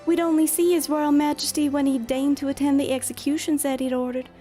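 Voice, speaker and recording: A woman's voice: high voice, flat delivery, a little fast, dark tone, faint music behind, pitched above the performer's own voice, close to an everyday voice. A woman voicing a gossipy old maid with an exaggerated put-on Southern belle drawl while reading game dialogue aloud. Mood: conspiratorial.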